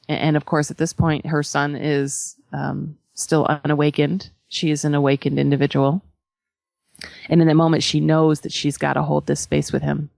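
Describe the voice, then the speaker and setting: A woman spiritual teacher giving a conversational talk to followers, emphatic, pausing often and checking in with tag questions. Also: low-pitched, gravelly, a little mellow, no echo.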